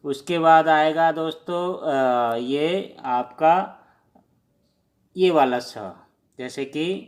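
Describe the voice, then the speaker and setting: A man teaching the alphabet slowly, pausing often with fillers as he writes. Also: fairly high pitch. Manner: slow, halting, many pauses and fillers. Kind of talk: handwritten alphabet lesson.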